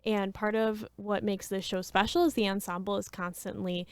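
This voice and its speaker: A woman's voice: mid-range voice, little pitch movement, moderate pace, smooth, no echo. A woman co-hosting a theatre review, talking in an upbeat, fluent way. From United States. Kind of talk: casual review chat.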